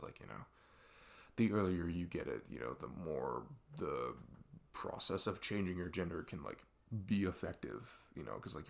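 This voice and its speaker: An ASMR roleplay performer plays an earnest best friend, confiding in the listener through a casual, improvised-sounding monologue. He sits low with a gravelly, exaggerated voice, rambling and halting, full of filler words and self-conscious laughs.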